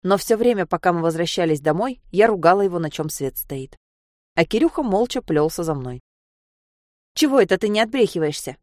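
A woman reading a first-person story as an audiobook, voicing the dialogue with lively shouts. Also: lowish voice, a little fast, no room sound, studio quality. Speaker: narrator.

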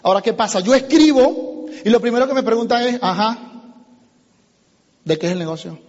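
A man giving an animated motivational seminar talk as a business trainer, addressing the audience and acting out conversations. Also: extremely high pitch, fairly quick. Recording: muffled lo-fi recording in a reverberant hall.

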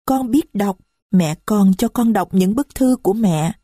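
A woman's voice: medium pitch, animated, unhurried, warm tone, no echo, studio quality. A woman voicing a shy, polite little girl in an audio story, with a timid, childlike manner. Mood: innocent. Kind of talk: audiobook reading.

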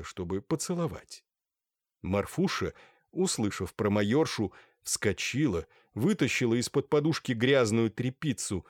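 A man reading a novel aloud in a lively, expressive way. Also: mid-range voice, no echo, studio quality. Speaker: audiobook reader. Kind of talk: scripted narration.

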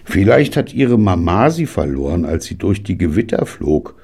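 A man's voice: sits low, big pitch swings, moderate pace, vocal fry, warm tone, breathy edge, voice pushed up, exaggerated voice. A man reading an audiobook and voicing a rowdy poker player who fires back with mocking retorts. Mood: cheeky. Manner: cheeky, retorting.

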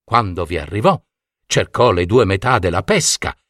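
A man narrating a fairy tale in a slow, expressive storyteller style. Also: low voice, no room sound, clean studio sound.

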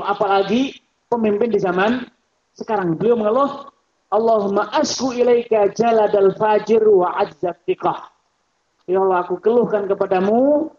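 A man giving a religious study lecture on economics. He talks in a lively, rhetorical way, addresses his listeners directly, and mimics the people he quotes. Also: sits high, husky. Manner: mimics other people's voices when quoting them. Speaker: Islamic scholar and lecturer. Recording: muffled lo-fi lecture recording.

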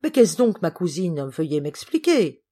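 Audiobook father, earnest and pleading, read by a woman, low-pitched. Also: sing-song, measured pace, mellow. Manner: pleading, earnest, easily upset. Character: gentle anxious aristocratic father, middle-aged man. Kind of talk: audiobook character reading.

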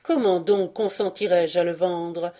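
A woman's voice: fairly low pitch, fairly even intonation, a little slow, mellow. A woman reading aloud and voicing a humble old male Chinese gardener, deferential and imploring in a storybook. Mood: pleading. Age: older. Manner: deferential, imploring, bursts out in anguish.

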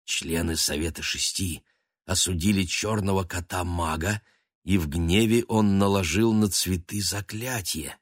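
Man reading a kids' story, slow and calm, deep-ish voice, dry sound. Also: no echo. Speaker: narrator. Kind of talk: storybook narration.

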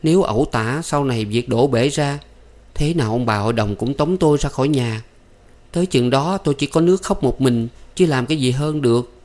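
A man's voice: medium pitch, a little fast, darkish tone, voice pushed up, natural voice. A man reading a story aloud, voicing a shy, anxious young servant girl. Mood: worried. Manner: pleading, flustered, coy protests. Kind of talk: audiobook character voice.

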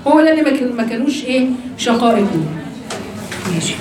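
Egyptian woman, Quran teacher, quick and high-voiced, recorded far off in an echoey room. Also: background noise. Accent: Egyptian Arabic. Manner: animated, asks questions and answers them herself. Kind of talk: religious lesson to women.

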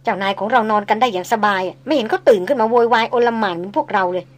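Woman doing a calm, steady head hunter. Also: mid-range voice, very fast, lightly acted. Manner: quiet and level.

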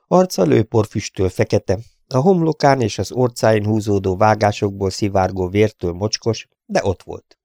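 A man narrating an audiobook in a measured, dramatic way, voicing each character. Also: fairly low pitch, a little mellow, no echo, clean studio sound.

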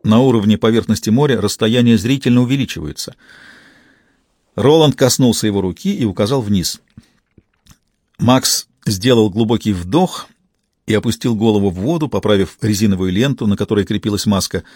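A man narrating an adventure novel in a calm, even storytelling manner. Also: on the low side, brisk, no room sound, clean studio sound. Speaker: audiobook narrator. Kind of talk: scripted narration.

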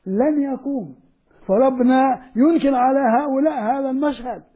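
An older man giving a classroom lecture, explaining slowly and repeating and drawing out key words. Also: extremely high pitch, dark tone, breathy edge. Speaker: Quran lecturer.

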